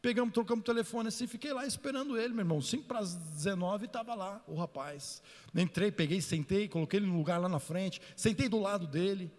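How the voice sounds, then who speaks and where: Animated Brazilian pastor in an echoing church. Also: male voice, sits high, fast. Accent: Brazilian Portuguese. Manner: animated, addresses listeners as "meu irmão". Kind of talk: storytelling sermon. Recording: reverberant church hall.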